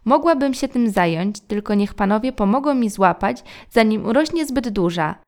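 A woman voicing a kind, resourceful magical mother who talks in a brisk, cheerful, fussing way. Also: a little high, animated, a little mellow.

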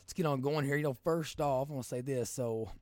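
A man with a Kentucky accent and a hoarse smoker's rasp, hosting a casual podcast in a folksy, rambling, colloquial way. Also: mid-range voice, fairly quick, a little mellow, dry recording. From Kentucky, United States. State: hoarse from coaching. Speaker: podcast host.

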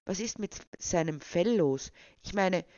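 A man's voice: high voice, animated, unhurried, dry recording. A reader voicing a shy, hesitant young man. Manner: hesitant, quietly earnest. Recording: dull, dry recording.

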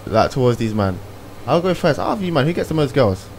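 A man's voice: medium pitch, fairly quick. A young man with a London accent hosting a casual, slangy interview full of banter. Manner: animated, slangy. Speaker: interviewer, host. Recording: faint background noise.

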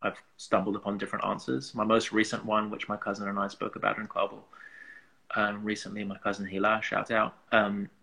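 A man from England with an English accent and a gravelly, slightly husky voice, talking earnestly and reflectively as an interview guest, working out thoughts in broken phrases. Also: lowish voice, completely flat delivery, brisk, sharp tone, low-quality recording. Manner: earnest, searching, thinks aloud in broken phrases. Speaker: interview guest, musician and artist.

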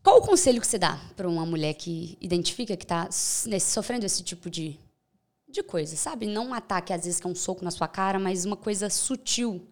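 A woman with a Brazilian accent hosting a casual interview, conversational and quick to agree. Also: fairly low pitch, a little mellow. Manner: conversational, frequent agreeing fillers. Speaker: interview host.

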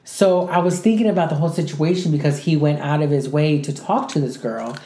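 Casting: low, mellow-toned woman, chatty podcast co-host, opinionated, roomy echo. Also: fairly quick. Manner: opinionated, rambling with many fillers. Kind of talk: casual pop-culture chat. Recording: echoey room.

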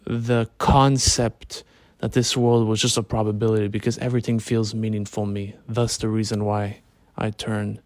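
A man talking in a relaxed way, as if lying in bed, in a casual, reflective late-night monologue with informal slangy phrasing. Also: fairly low pitch, normal speed, no room sound. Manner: informal slangy talk with swearing. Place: in bed at home.

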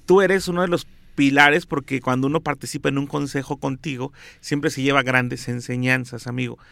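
A man's voice: mid-range voice, steady tone, normal speed, creaky, bright, forceful tone, dry recording. A man with a Mexican accent hosting an interview, chatting in a friendly way and adding frequent affirming interjections. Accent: Mexican Spanish. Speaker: podcast host. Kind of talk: conversational interview.

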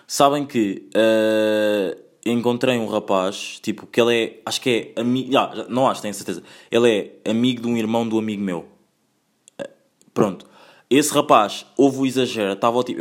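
A man in his twenties from Angola, hosting a casual solo podcast from home in a loose, chatty way, full of slang and sprinkled with English phrases. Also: medium pitch. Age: 20s. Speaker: podcast host.

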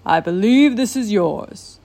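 A woman reading a storybook voices a stern old sea king, his deep, booming delivery filling every word. He speaks slowly, weighty and commanding, a stately ruler used to obedience, with an expressive, warm tone.

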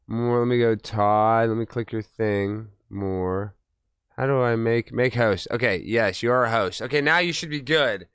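Casting: male livestream host, dramatic and profane ranter, sharp-edged voice, unpredictable volume. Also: mid-range voice, unhurried, smooth, no room sound, clean studio sound. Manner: volatile, dramatic, swinging between muttering and shouting; profane, rambling. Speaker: talk show host. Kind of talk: casual livestream rant and chat.

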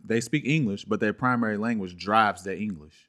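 Male co-host, low-ish voice, halting delivery, casual talk. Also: a bit bright. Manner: halting, restarts while searching for words. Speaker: podcast co-host. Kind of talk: casual debate.

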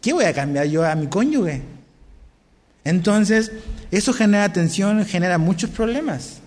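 High-voiced pastor in a reverberant hall. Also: male voice, lively intonation, a little slow, a little mellow. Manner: conversational, asks the congregation questions. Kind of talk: sermon.

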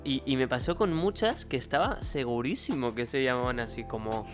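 Male podcast host with a Spain Spanish accent, mid-pitched, jokey storyteller. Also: brisk, music in the background. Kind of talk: casual conversation.

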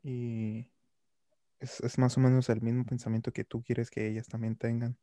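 A young man on a podcast, calmly explaining his views in casual conversation. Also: medium pitch, normal speed, dry recording, studio quality. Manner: calm, reflective explaining. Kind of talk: casual chat.

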